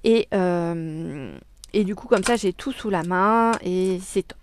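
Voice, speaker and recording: A crafting vlogger chats casually from her home desk, cheerful and enthusiastic despite frequent hesitations and filler sounds. Her voice is lowish and slow, with slight background noise.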